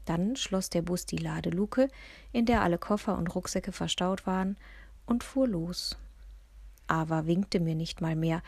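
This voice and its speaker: A woman's voice: on the low side, gravelly, slight background noise. A woman narrating a children's story in the first person, bringing the dialogue to life. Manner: lively storyteller voicing the dialogue. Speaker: audiobook reader.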